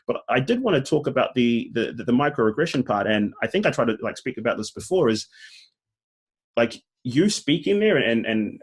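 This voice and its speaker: A man with a New Zealand accent, co-hosting a casual debate, talking in rapid bursts with many "like" fillers and restarts. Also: mid-range voice, slightly rough. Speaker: co-host.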